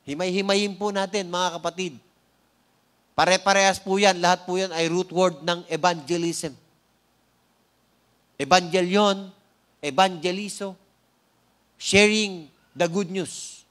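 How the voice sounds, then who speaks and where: A high-pitched man with a Filipino accent delivers a church sermon. He keeps checking in with the congregation with "Amen?" and stretches out important words to stress them. Now and then he slips in a light, joking aside. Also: fairly even intonation, a bit bright. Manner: frequent "Amen?" prompts to the congregation; slows down to stress key words. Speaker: preacher. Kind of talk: sermon with opening prayer.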